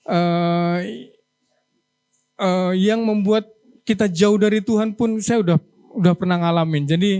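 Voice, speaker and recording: A man from Java gives a heartfelt church testimony in a high, light voice. He speaks earnestly and with feeling, slipping into the voices of his parents and his wife. The sound is dry and close. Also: darkish tone, smooth, no echo. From Java, Indonesia. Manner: earnest, emotional, acts out family dialogue. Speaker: pastor. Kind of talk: sermon testimony.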